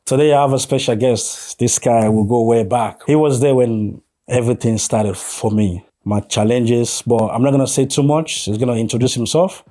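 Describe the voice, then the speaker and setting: A man hosting a podcast, chatting with his guest in an eager, friendly and relaxed way with casual slang. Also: mid-range voice, moderate pace, few pauses. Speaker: podcast host. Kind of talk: casual interview chat.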